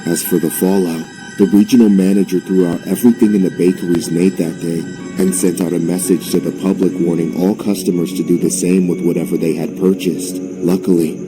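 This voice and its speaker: A man reading a scripted first-person horror story in a measured, steady way. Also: sits low, low-quality recording. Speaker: story narrator. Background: music.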